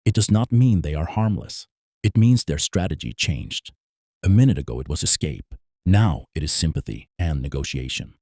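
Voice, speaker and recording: A man with a very deep, dark voice walks through police procedure in a measured, emphatic voice-over. The sound is close and completely dry. He stresses key points plainly and firmly. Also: sing-song, breathy edge, dry recording. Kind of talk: scripted analytical narration.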